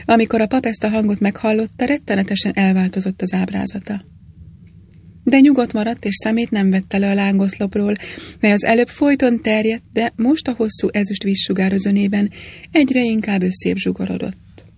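A woman narrating a story aloud at a steady, even pace. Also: mid-range voice, gravelly, breathy edge. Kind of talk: storybook reading.

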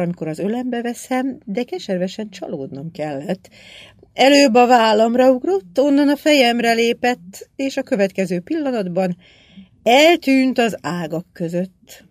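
An audiobook narrator reading a story in a steady, measured way. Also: mid-range voice, no room sound. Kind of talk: scripted narration.

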